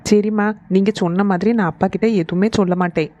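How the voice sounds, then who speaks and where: A woman's voice: medium pitch, steady tone, fairly quick, mellow, natural voice. A woman voicing a kindly, fatherly middle-aged male shopkeeper in a cartoon. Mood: sympathetic. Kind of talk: cartoon voice acting.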